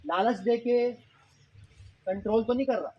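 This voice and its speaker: Taking his time, a man with a very high voice leads a lighthearted, interactive mind-power talk for school students, posing questions to the audience. The highs are cut off and there's a little hiss or hum.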